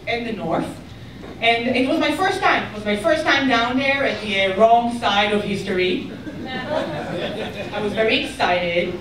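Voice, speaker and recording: A woman from Israel with an Israeli accent doing a stand-up comedy set, deadpan and ironic with bursts of mock outrage. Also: a little high. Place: comedy club stage. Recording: echoey club, mic far away, audience noise. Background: audience laughter.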